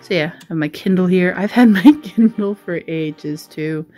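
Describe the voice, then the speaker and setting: An Australian woman, a vlogger and writer, gives a casual desk tour as a chatty show-and-tell, rambling in a giggly, self-deprecating manner. Her voice is fairly low and dark at a moderate pace, with faint music playing behind her.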